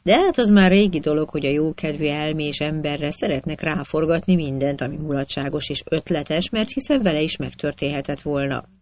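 A narrator reading historical anecdotes aloud with a measured storytelling cadence. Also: medium pitch, a little mellow.

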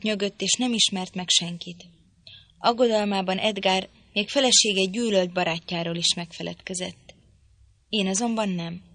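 A woman narrating a novel in an audiobook in a measured storytelling manner. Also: medium pitch, fairly bright tone, no echo.

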